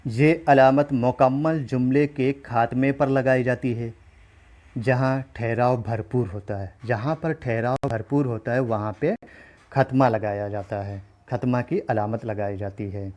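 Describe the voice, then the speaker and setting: A man's voice: mid-range voice, fairly even intonation, a little slow, darkish tone. A man teaching an online exam-prep lesson, explaining step by step and often checking in with his listeners. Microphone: recorded while writing on a screen.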